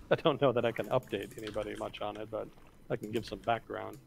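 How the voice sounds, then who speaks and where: A man co-hosting a casual livestream, explaining world affairs in a measured way with fillers and self-corrections. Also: lowish voice, steady tone, creaky, slight background noise. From United States.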